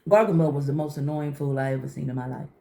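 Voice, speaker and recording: Low, mellow woman chatting while eating. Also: fast, gravelly. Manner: animated storytelling, acting out remembered conversations; talking while eating breakfast. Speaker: vlogger. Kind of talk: casual chat to viewers.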